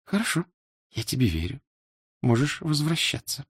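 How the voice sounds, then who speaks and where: A male reader voicing a young Japanese woman, a secretive lover who speaks in a hushed, pleading way. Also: mid-range voice, big pitch swings, normal speed, slightly rough, dry recording, studio quality, pitched above the performer's own voice. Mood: tender. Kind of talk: audiobook character voice.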